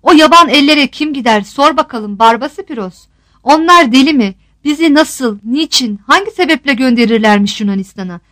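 A woman's voice: high voice, lively intonation, moderate pace, fairly bright tone, no room sound. A woman voicing a scornful, defiant old island woman who mocks and scolds with rhetorical questions. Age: older.

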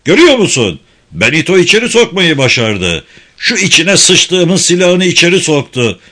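A man's voice: medium pitch, expressive, moderate pace. A man voicing a flustered, panicking male prison guard in an audiobook. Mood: shouting. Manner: stammering, then shouting.

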